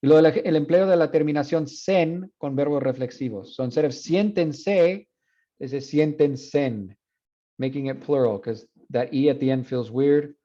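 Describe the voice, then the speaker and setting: A man's voice: a little high, measured pace, dull audio. A man teaching a university Spanish class, explaining features of a dialect and mixing Spanish with English. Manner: relaxed, explanatory, with fillers.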